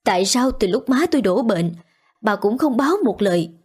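A woman's voice: medium pitch, animated, normal speed, breathy edge. A woman voicing a grieving young wife who confronts those who let her mother die. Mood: furious. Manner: pleading, then accusing. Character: young wife, grief-stricken and furious.

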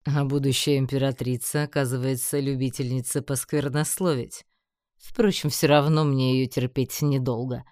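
An actor playing a scheming emperor who speaks slowly, mocking and menacing. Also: male voice, mid-range voice, a little mellow, smooth, no room sound, clean studio sound, lightly acted. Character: cold, scheming male emperor, middle-aged. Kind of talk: audiobook character voice.

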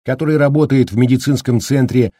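A man voicing a calm, husky doctor. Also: medium pitch, brisk, no echo, clean studio sound, voice pushed up, natural voice. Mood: calm explaining. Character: calm male doctor, measured and reassuring. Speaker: doctor in the story. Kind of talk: audiobook character reading.

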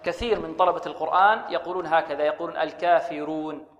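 A man with a high voice leads a radio recitation lesson. He explains each rule, asks the listeners over and over, then chants the words slowly and drawn out. A long reverb trails behind him. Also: a bit bright, muffled recording. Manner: quizzes listeners with repeated questions. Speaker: Quran recitation teacher.

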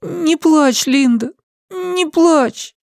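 Tiny scared kid, way high, crying and begging, sounds kinda far off. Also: very slow, creaky, darkish tone, dry recording, clean studio sound, heavily acted. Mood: pleading. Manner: pleading, tearful. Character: small frightened crying boy.

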